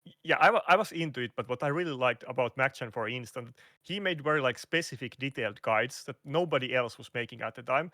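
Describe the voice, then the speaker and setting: A guest content creator with a Finnish accent speaks fast at medium pitch in a casual interview over a call, his voice bright and forceful. He's hesitant, searching for words, restarting often, using fillers and non-native phrasing. The sound is close and dry, with no room around it.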